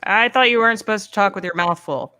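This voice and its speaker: Woman, wisecracking riffer, sarcastic, bright voice. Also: mid-range voice, fast talker, clear, resonant tone. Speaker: movie riffer. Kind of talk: comic commentary over a film.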